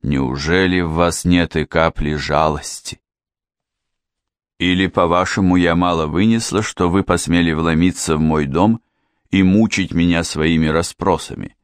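A male narrator voicing a theatrical, self-pitying widow who talks in a slow, wailing way. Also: low-pitched, fairly even intonation, clear, resonant tone, no echo, studio quality. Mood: reproachful.

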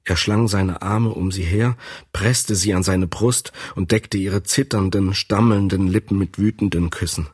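A man with a low, slightly husky voice narrates a literary text in a scripted reading. His delivery is expressive and dramatic, shaping each sentence with feeling. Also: unhurried. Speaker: audiobook narrator.

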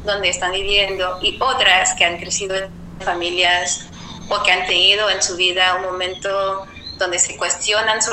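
Slow, reflective woman on an echoey line. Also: on the low side, pushed and bright. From Guadeloupe. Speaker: guest artist. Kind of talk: live radio conversation over a remote call. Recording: echoey remote line with noise.

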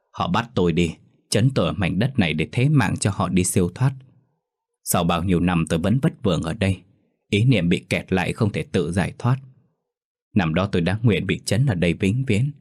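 A man's voice: deep voice, moderate pace, darkish tone, slightly rough, dry recording, clean studio sound. A man voicing the resigned, sorrowful ghost of a dead mother in a ghost story. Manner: weary, resigned.

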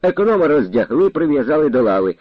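A man reading a historical novel aloud as narrator, with an expressive storytelling manner. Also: on the high side, quick pace, no echo, highs cut off. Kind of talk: audiobook reading.

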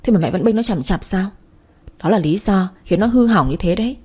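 A woman voicing a harsh, overbearing father who shouts and scolds, in a spoken story. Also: medium pitch, animated, fairly quick, husky. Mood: angry. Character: harsh domineering middle-aged father.

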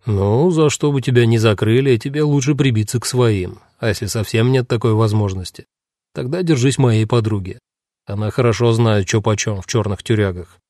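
A man's voice: lowish voice, normal speed, warm tone, dry recording, studio quality, natural voice. A man doing a crude swaggering prisoner. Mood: mocking. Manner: coarse, mocking slang. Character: crude swaggering male prisoner, mocking and vulgar.

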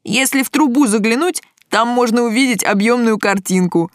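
A woman reading an audiobook voices a rowdy young male lackey who speaks in a raised, excited voice. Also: a little high, moderate pace, no echo, studio quality, pitched above the performer's own voice, lightly acted.

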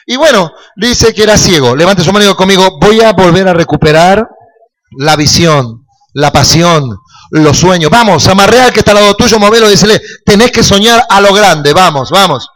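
Un pastor argentino con acento rioplatense que predica un sermón, hace preguntas al público y sube a gritos en las exhortaciones. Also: male voice, high voice, lively intonation, moderate pace. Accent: Rioplatense Spanish. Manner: preaching with rising, shouting calls to the congregation; jokes and asks the crowd questions. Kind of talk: sermon.

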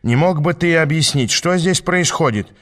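A scheming male wizard who weighs every word slowly and with open suspicion, as a man reads him. His tone stays measured and wary. An audiobook character reading. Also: on the high side, fairly bright tone, voice pushed up, natural voice. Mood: suspicious. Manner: slow, suspicious, deliberate. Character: power-hungry male wizard, suspicious and calculating.

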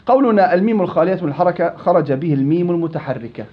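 A man's voice: a little high, lively intonation, racing, dull audio. A man teaching a Quran recitation class, quizzing students by name and teasing them. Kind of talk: interactive classroom lesson.

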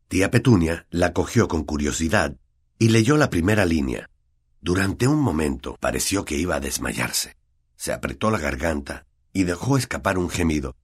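A man with a Latin American Spanish accent narrating an audiobook in an expressive storytelling manner. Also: low voice, breathy edge.

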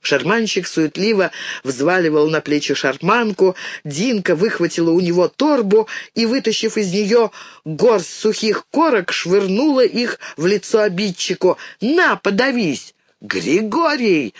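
A man narrating a children's story in an expressive, animated reading. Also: high-pitched, dry recording, studio quality. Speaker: audiobook narrator.

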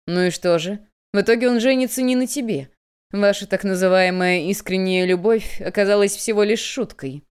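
A woman voicing a young male eunuch who speaks calmly, coldly and mockingly. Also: medium pitch, moderate pace, smooth, lightly acted. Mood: cold taunting. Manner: calm, cold, taunting.

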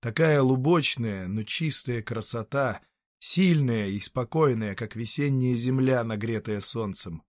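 Man, audiobook narrator, calm, measured, mid pitch, dry sound. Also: dry recording.

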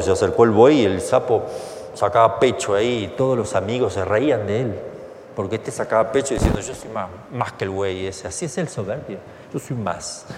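Animated priest preaching. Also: male voice, mid-range voice. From Argentina. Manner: animated, asks rhetorical questions, colloquial. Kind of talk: sermon. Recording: echoey hall, faint background noise.

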